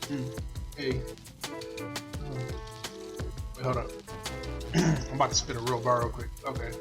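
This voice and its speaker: A man on voice chat with other racers, playfully freestyling silly rap lines in a goofy, drawn-out way. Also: mid-range voice, steady tone, over loud music. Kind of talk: joking freestyle rap banter.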